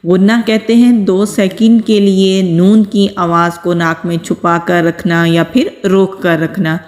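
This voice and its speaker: A woman giving a recitation lesson, patiently explaining pronunciation rules step by step and reciting words slowly. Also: lowish voice, flat delivery, darkish tone, big-room sound. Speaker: Quran recitation teacher.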